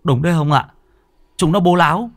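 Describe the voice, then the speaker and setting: A man voicing a cheeky, excitable young grandson who cheers and curses shrilly in a ghost story. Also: fairly high pitch, brisk, pitched above the performer's own voice, close to an everyday voice. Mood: indignant.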